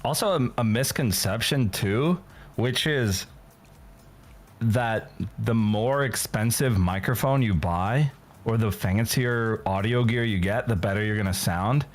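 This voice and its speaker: A man from California, a guest talking in a measured, explanatory way in a casual chat. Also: on the low side. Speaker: guest, audio engineer.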